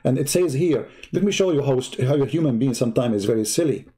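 Quick and animated, this online debate host, a native Arabic speaker, goes after opponents on a heated live stream with derisive rhetorical questions. His medium-pitched voice is dark, a bit husky and combative.

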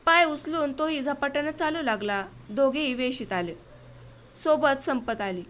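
A woman with a high voice reads a short story aloud as an audiobook narrator. Her narration is steady and measured, the even pace of a storyteller.

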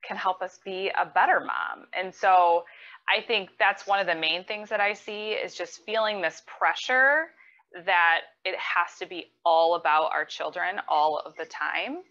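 Measured counselor woman, bright and lo-fi. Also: fairly low pitch. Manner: measured, thoughtful explanations. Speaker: mental health counselor. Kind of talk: interview guest.

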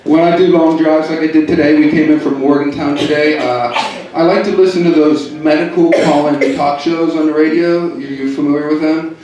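Stand-up comic from the Pittsburgh area, deadpan punchlines, higher voice, caught far off in a reverberant club. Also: male voice, fairly quick. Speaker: stand-up comedian. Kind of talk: stand-up comedy set. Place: comedy club in a hotel. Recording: echoey club heard from far off.

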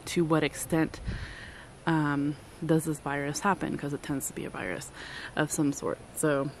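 A book vlogger in her thirties speaks a little slowly in a low voice with little pitch movement, rambling casually and saying um often. She's outdoors at a lakeside campsite filming on a phone at arm's length, and the audio is poor, with background noise.

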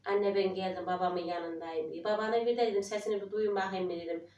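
A woman in her forties, a village life vlogger, talks to her viewers fast, in a medium-pitched, slightly mellow voice with fairly even intonation. Her trembling, prayerful delivery is emotional and tearful, and she quotes others in this casual chat. The sound is echoey, with her far from the mic.

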